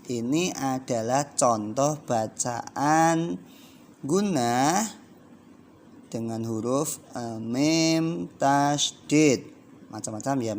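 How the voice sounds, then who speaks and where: A man's voice: medium pitch, slight background noise. A man teaching a Quran reading lesson to young children, patiently asking them questions, counting aloud and drawing out the example words. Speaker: primary school teacher.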